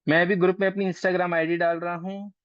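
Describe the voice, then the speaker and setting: A man's voice: high-pitched, level tone, a little fast, no echo. A man teaching an online astrology class in a casual, chatty way, coaxing and teasing his students, heard over a video call. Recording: dry, dull lo-fi call audio.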